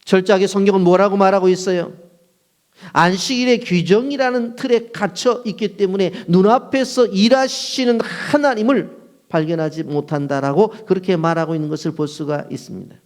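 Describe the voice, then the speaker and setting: A pastor preaches in a slightly higher than average male voice. He keeps asking the congregation questions and then answers them himself. He briefly acts out the lines he quotes. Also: moderate pace. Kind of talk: sermon.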